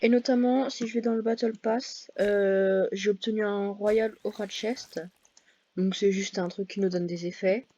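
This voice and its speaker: A woman's voice: mid-range voice, steady tone, unhurried, mellow, muffled recording. A woman giving casual, hesitant commentary over her gameplay, full of fillers and self-corrections. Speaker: gaming video creator.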